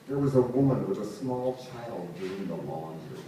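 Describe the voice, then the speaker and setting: A man reading a memoir aloud at a book launch event, in an expressive, wry way. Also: lowish voice, normal speed, slight background noise. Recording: echoey room, far from mic.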